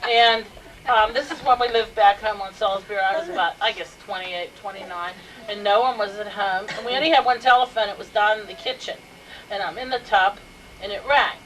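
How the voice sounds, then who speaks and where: A woman's voice: mid-range voice, steady tone, a little fast, a bit bright. An older woman telling funny stories at a family gathering and laughing as she goes. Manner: laughs through her stories. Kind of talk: casual anecdote telling. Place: house, indoors. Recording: home video, faint background noise, a little distant.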